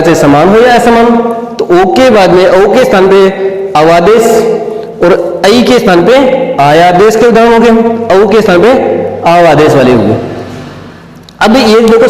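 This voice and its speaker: A man's voice: high voice, a little mellow. A man teaching a classroom grammar lesson, repeating each point and asking questions that he answers himself. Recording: echoey room with long reverb.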